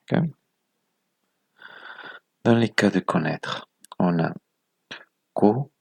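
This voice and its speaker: A man's voice: low voice, slow, gravelly, breathy edge, no room sound. A man presenting a video lesson, explaining step by step in a methodical way, counting items aloud and correcting himself as he goes.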